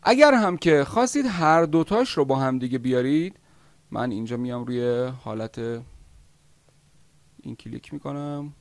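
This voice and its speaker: A man teaching video editing software step by step in a screen-recorded tutorial, pausing often with "uh" as he explains. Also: medium pitch, animated. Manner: step-by-step explaining, with frequent "uh" pauses.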